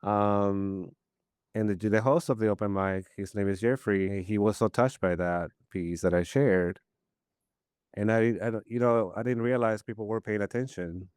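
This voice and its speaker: Rambling and animated, with plenty of restarts, a deep, smooth-voiced man in his 50s shares stories as a podcast guest in a casual interview. He's a Peruvian poet whose first language is Spanish, recorded in a clean studio with no room sound.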